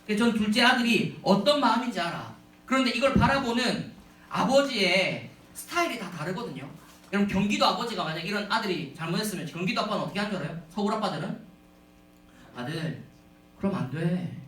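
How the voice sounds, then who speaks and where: Picked up from afar in a big echoey hall, a man tells humorous stories in a sermon for a youth retreat. His delivery is animated and high, at a quick pace, often addressing the listeners. A little hiss or hum is audible.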